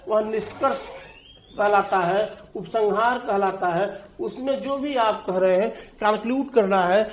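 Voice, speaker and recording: A man's voice: high voice, echoey room. A male teacher giving an exam-prep lecture on essay writing, explaining with everyday examples and speaking straight to his students. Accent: Hindi.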